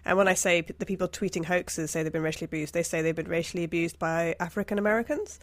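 A woman on a podcast panel, explaining things casually and rephrasing to be clear. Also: fairly low pitch, steady tone, quick pace, dry recording.

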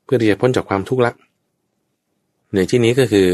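A man's voice: mid-range voice, steady tone, a little fast, a little mellow, no room sound, studio quality. A man teaching Buddhist Dharma in a conversational way, explaining patiently and checking that his listener understands.

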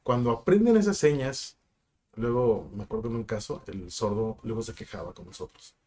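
A man's voice: mid-range voice, expressive, moderate pace, dark tone. Reflective man telling stories. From Mexico. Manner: reflective storyteller, drops in asides and fillers. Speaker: sign language interpreter and school director, guest. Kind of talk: casual podcast interview.

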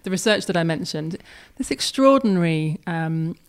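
With a lowish, animated voice at a normal pace, this child and family psychiatrist talks as a podcast guest. She is warm and explanatory, clearly excited about the research she describes.

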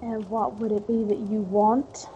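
A woman's voice: mid-range voice, level tone, measured pace, lo-fi sound, slight background noise. A woman playing a tabletop game, casually role-playing in a dry, direct way. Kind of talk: casual in-character role-play.

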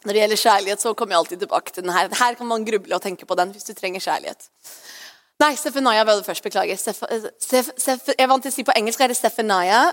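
A woman pastor preaching a sermon in a chatty, conversational way, often asking "right?" and slipping English phrases in. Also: mid-range voice.

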